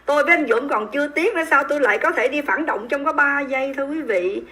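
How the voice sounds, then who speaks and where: A woman's voice: high voice, fast talker, pushed and bright. A woman with a Southern Vietnamese accent hosting a livestream, commenting in an emphatic, indignant and mocking way and speaking straight to her viewers. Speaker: livestream host.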